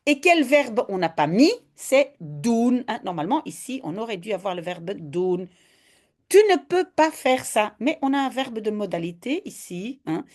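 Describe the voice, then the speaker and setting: Slow, patient woman teaching. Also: mid-range voice, big pitch swings, darkish tone. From Belgium. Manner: patient, explaining step by step with frequent "hein". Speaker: Dutch teacher. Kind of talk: online language lesson.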